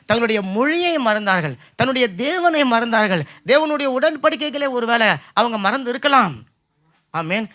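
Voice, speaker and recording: Male pastor, high, very bright sharp voice, fervent sermon delivery. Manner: fervent preaching, calls for amen.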